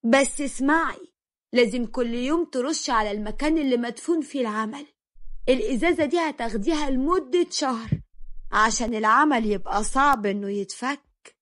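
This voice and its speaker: A woman with an Egyptian accent voicing a scheming sorceress who speaks slowly and slyly. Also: a little high, fairly bright tone, natural voice. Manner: slow, drawn-out delivery.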